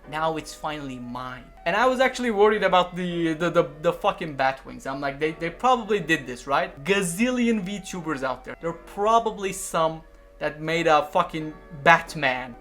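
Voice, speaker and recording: Young man, high voice, casual profane streamer banter, faint music under. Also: fairly bright tone. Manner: rambling, profane, repeats himself. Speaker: VTuber streamer.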